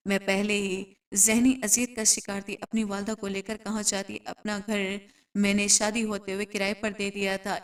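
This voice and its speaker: A woman narrating a first-person story in an even, steady way, including the quoted dialogue. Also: medium pitch, recorded from a distance.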